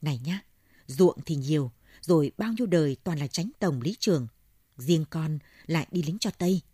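An elderly landowner, torn and anxious, pleads for guidance in a storybook reading put on by a woman. The tone is low and dark. It sounds close and dry. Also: animated, moderate pace, breathy edge, no room sound. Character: worried elderly male landowner seeking advice.

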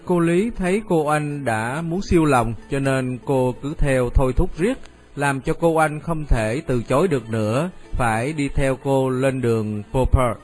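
A man narrating a radio story in a steady storytelling manner. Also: medium pitch, measured pace, faint music behind.

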